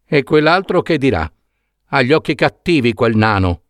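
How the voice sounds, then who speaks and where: A man's voice: medium pitch, sing-song, normal speed, no echo, studio quality, close to an everyday voice. A man voicing a poor, kind young courier who asks anxious questions.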